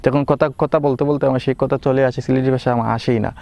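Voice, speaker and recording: A man's voice: mid-range voice, steady tone, fast talker, vocal fry, heavy background noise. A young man from Bangladesh talking playfully to camera in a casual comic vlog. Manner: playful, mixes standard Bangla with Sylheti dialect. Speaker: vlogger.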